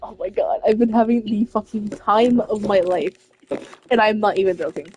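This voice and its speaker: A woman's voice: mid-range voice, normal speed, darkish tone, slightly rough. A woman giving casual, swearing commentary while streaming a game.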